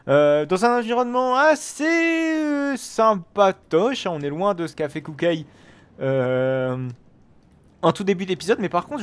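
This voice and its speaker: A man giving casual, chatty commentary on a video game, thinking aloud and tossing in playful asides. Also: a little high.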